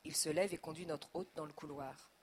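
A woman narrating a children's audiobook in a lively, expressive voice. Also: low voice, brisk, slight background noise.

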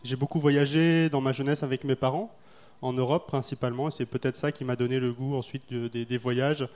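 A French author, interviewed at a festival, speaks in a medium-pitched, darkish voice that's brisk and fairly even in intonation. He's thoughtful yet hesitant, pausing often and using many fillers.

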